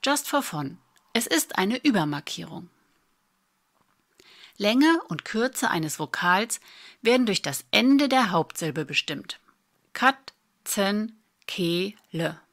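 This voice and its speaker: A woman, teaching a spelling lesson in a patient, clear way with dry little asides. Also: medium pitch, very animated, slow pace, pauses often, fairly bright tone. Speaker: German spelling tutor. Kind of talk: slow explanatory lesson.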